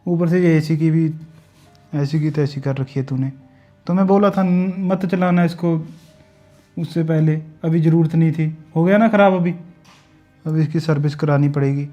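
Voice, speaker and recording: A man's voice: fairly high pitch, steady tone, moderate pace, highs cut off, faint music behind, close to an everyday voice. An actor playing an irritable young husband who snaps at his wife and refuses to be disturbed. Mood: grumbling. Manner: snapping, dismissive, rising to angry outbursts. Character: irritable young husband, sleepy, short-tempered. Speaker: actor in short film. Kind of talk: domestic drama acting.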